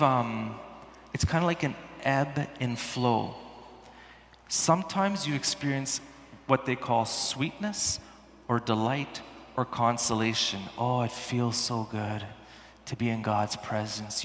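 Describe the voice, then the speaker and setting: A man giving an informal youth sermon as a priest, in an earnest youth-pastor manner, shifting between hushed, drawn-out phrases and emphatic bursts. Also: medium pitch. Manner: animated, dramatic delivery swinging from hushed, drawn-out words to emphatic bursts. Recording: echoey hall with long reverb.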